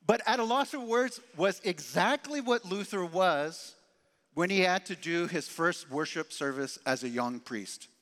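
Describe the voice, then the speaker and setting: Animated preacher in a reverberant hall. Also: male voice, high voice, unhurried. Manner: animated, emphatic preaching with dramatic drops to quiet. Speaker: pastor. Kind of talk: sermon.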